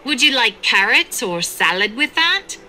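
A woman playing a bright-voiced canteen server. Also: on the high side, very animated, slight background noise, full character voice. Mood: friendly. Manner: clear and deliberate. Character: friendly woman serving in a canteen. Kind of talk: scripted textbook audio.

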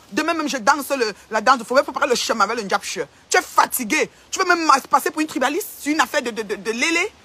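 Woman, sharp bright tone, a bit raspy, heated livestream rant, hammers phrases again and again. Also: fairly high pitch. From Cameroon. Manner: confrontational, repeats phrases for emphasis. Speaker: online commentator.

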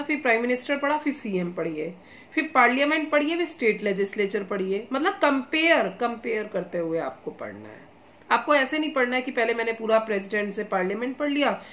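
A woman's voice: a little high, fairly bright tone, a little hiss or hum. Chatty woman teacher giving study advice. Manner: chatty, addresses students as beta and guys, mixes English phrases; repeats "theek hai" as a check-in. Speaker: exam coaching teacher. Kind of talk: casual study-guidance talk.

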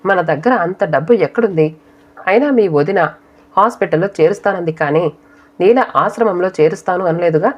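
A woman's voice: fairly low pitch, moderate pace, darkish tone, lightly acted. Woman reading a stern blunt husband. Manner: blunt, serious. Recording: dull lo-fi audio.

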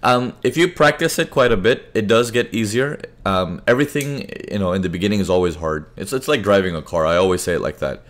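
A man presents a live trading webinar, explaining charts in a conversational way, checking in often with his audience, and taking chat questions. His voice is on the low side and brisk, with hardly any pauses. He was born to Indian parents and raised in several countries.

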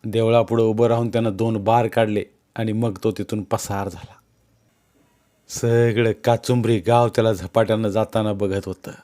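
A man reading a novel aloud as an audiobook narrator, in measured storytelling. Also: on the low side, flat delivery, mellow. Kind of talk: scripted narration.

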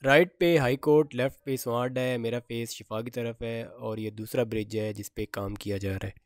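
A man's voice: mid-range voice, fairly even intonation, moderate pace, faint music behind. Man narrating a construction site tour. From Pakistan. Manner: plain explanatory, pointing out locations. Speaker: construction update presenter.

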